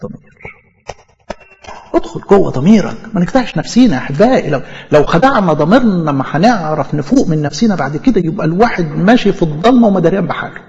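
A man's voice: high-pitched, animated, quick pace, a little mellow. A man preaching a sermon in Egyptian Arabic, talking conversationally and acting out imagined speakers in church. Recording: muffled audio with long hall reverb.

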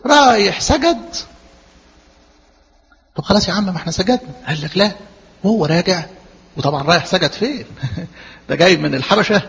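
Egyptian male preacher, quick and husky, lively sermon with rhetorical questions, dull reverberant hall sound. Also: fairly high pitch. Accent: Egyptian Arabic.

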